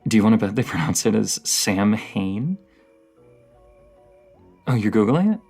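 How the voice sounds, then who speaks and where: In a casual, intimate roleplay, a man plays a dorky, excitable partner who rambles on like a horror-movie nerd, stammering and halting with enthusiasm. His exaggerated voice is fairly low, creaky, and husky, the mood playful and curious, with soft music in the background.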